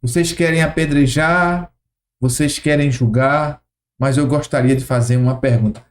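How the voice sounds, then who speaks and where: A man voicing a calm, gentle Jesus in a retold Bible scene, speaking softly and slowly. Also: on the high side, lightly acted. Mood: sorrowful.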